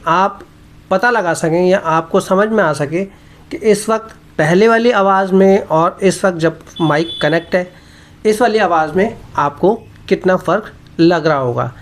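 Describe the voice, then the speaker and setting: A man giving a casual product review vlog, explaining step by step in an unhurried way and talking straight to his viewers. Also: high voice. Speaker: tech reviewer vlogger. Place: indoor room. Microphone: wireless clip mic into phone.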